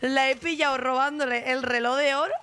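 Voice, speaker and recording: A woman, streaming a game with casual, animated commentary, full of exclamations and laughter. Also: high voice, a little fast, slight background noise.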